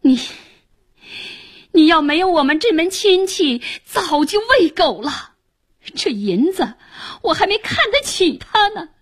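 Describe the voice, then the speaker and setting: A woman's voice: extremely high pitch, lively intonation, fast, few pauses, voice pushed up. Woman doing a proud grieving old father. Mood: indignant. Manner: shouting, wailing and sobbing. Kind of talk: traditional Chinese storytelling.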